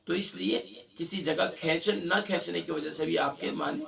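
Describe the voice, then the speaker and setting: Man, hoarse throat, recitation teacher, very gravelly, recorded from a distance. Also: fairly high pitch, fairly bright tone. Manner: spells syllables slowly, then explains quickly. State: sore throat. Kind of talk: spoken lesson with slow drawn-out recitation.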